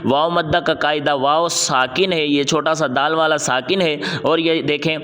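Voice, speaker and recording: A man with a fairly high voice teaches a reading lesson, drawing out each syllable slowly and patiently. His voice rings out with a long, lingering reverb, as if he is in a large hall. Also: fairly even intonation, bright, forceful tone. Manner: patient, drawn-out syllable drills. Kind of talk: recorded recitation lesson.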